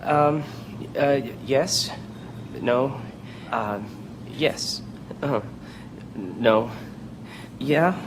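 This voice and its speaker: An actor playing an awkward date who fumbles and hesitates over simple answers. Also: male voice, medium pitch, extremely slow, pauses often, noisy background. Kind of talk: film acting.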